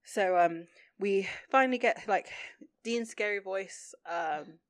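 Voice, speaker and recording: A woman's voice: medium pitch, slow, no room sound. A woman co-hosting a podcast, chatting casually about a TV episode, laughing often and using many fillers. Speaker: podcast co-host. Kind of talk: casual chat recapping a TV episode.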